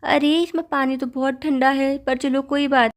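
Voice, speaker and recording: Woman storyteller, high voice, animated, exclaiming, doll story narration. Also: moderate pace. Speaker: storyteller voicing every part.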